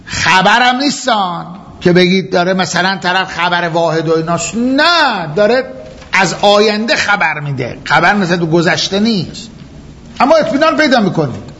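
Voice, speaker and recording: A man's voice: high voice, sing-song, sharp tone. A man teaching a jurisprudence lecture as a seminary teacher, explaining step by step, firing rhetorical questions and repeating his key points. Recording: dull lo-fi recording with faint noise.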